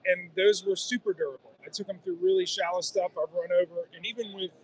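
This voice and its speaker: A man's voice: high voice, steady tone, brisk, slight background noise. A man in his forties explaining kayak gear with enthusiasm, interviewed on a phone in a busy convention hall. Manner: enthusiastic, explanatory, gestures while talking. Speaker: guest kayak angler. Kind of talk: casual trade-show interview. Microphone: handheld phone held by interviewer.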